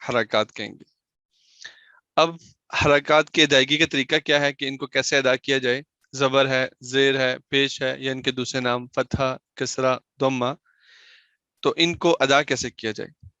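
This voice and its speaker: A man's voice: mid-range voice, bright, forceful tone, clean tone, no room sound, dull audio. A man teaching Quran recitation in a recorded lesson, explaining patiently, asking questions and answering them himself, and sounding out example syllables.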